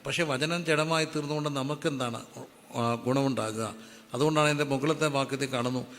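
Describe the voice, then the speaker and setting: A man preaching a sermon as pastor, asking the congregation to repeat verses back to him. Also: mid-range voice. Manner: call-and-response preaching, asks the congregation to repeat verses aloud. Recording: echoey hall with faint ambient noise.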